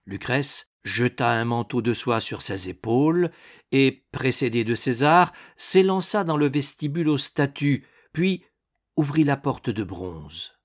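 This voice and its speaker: A man narrating an adventure novel as an audiobook, with dramatic, expressive storytelling. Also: medium pitch, unhurried.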